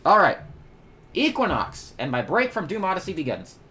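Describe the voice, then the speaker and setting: Man, casual commentary, lively pitch, joking asides, lots of fillers. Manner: chatty, joking, with many fillers and quick asides. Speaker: reaction video host. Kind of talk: casual commentary over a video.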